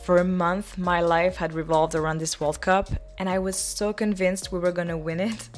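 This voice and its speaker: A woman from France, a football fan, recalling a defeat in a quiet, wistful way. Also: on the low side, flat delivery, moderate pace, faint music behind. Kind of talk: recorded testimony.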